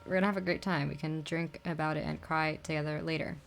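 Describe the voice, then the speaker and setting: A woman player at a tabletop game describes her character's actions and jokes in a dry, deadpan way. Her voice sits on the low side, with soft music under it. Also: fast talker, vocal fry. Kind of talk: tabletop role-play. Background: faint background music.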